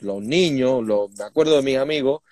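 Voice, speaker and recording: A Cuban man, a human rights activist being interviewed, explains matters in an indignant, emphatic yet conversational manner. He speaks in a mid-range, darkish voice at a moderate pace, with no echo.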